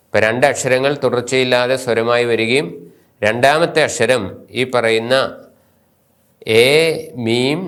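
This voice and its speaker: A man with a Malayali accent, a priest teaching a slow grammar lesson who spells out letters and terms one at a time and repeats each term. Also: medium pitch, fairly bright tone, clear, resonant tone.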